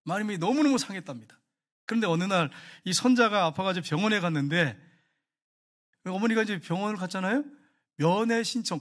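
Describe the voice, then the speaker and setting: A male pastor with a Gyeongsang accent preaching a sermon. He tells a story full of rhetorical questions and swings from hushed asides to emphatic declarations. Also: high voice. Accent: Gyeongsang Korean. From Gyeongsang region, Korea.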